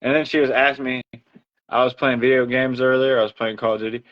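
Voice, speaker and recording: A man's voice: mid-range voice, steady tone, quick pace. Dull-sounding chatty male livestreamer. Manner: chatty storyteller, acts out others' remarks. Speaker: livestream host. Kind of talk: casual livestream chat. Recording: dull lo-fi audio.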